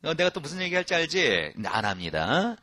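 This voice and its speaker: Lively joking Korean English teacher. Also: male voice, a little high, dry recording, studio quality. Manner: lively, joking, repeats phrases slowly and spells them out letter by letter. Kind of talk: casual spoken English lesson.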